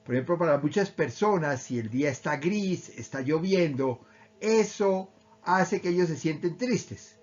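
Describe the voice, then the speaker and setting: A man with a Colombian accent, calmly explaining how emotions work with everyday examples. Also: a little high, unhurried, dull audio. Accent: Colombian Spanish. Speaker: speaker on emotional education. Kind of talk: explanatory talk.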